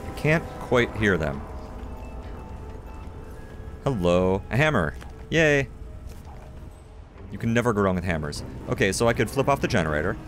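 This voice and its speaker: A man talks through his gameplay in a lowish voice that bounces up and down a lot, chatty and self-mocking as he goes. Faint game music sits underneath his commentary. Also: big pitch swings, normal speed, long pauses. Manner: chatty, self-mocking asides while playing. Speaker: gaming video host. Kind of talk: let's play commentary.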